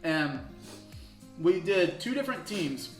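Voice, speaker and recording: A man's voice: fairly high pitch, big pitch swings, slow. Man, 30s, pastor, casual storyteller, self-deprecating, echoey room, faint music. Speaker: campus pastor. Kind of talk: casual interview over food.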